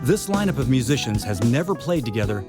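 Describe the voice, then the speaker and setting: A man's voice: big pitch swings, fast. A man from Japan hosting a show, giving an upbeat scripted narration as he introduces the show and its players. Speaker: host. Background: loud bass and guitar music.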